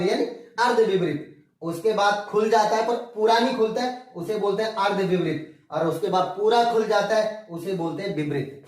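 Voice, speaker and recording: Hindi teacher with a high, echoing voice. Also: male voice. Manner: repeats key terms, often urges listeners to pay attention. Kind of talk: classroom lecture at a whiteboard. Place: indoor classroom with a board.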